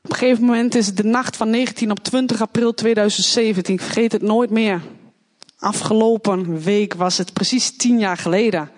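A woman's voice: medium pitch, a little fast. A woman giving an earnest personal testimony in a church, telling her story in plain, heartfelt words. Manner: earnest, acts out quoted voices.

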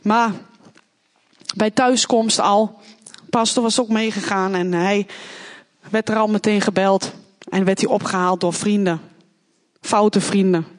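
A woman's voice: mid-range voice, fairly even intonation, measured pace, long pauses. A woman giving an earnest personal testimony in a church, telling her story in plain, heartfelt words. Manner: earnest, acts out quoted voices.

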